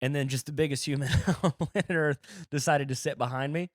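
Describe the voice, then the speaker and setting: A man's voice: a little high, a little fast, no room sound, clean studio sound. A man from Appalachia, a stand-up comedian hosting a podcast, telling crude rambling stories with a laugh in his voice. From Appalachia, USA. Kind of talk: casual comedy podcast chat.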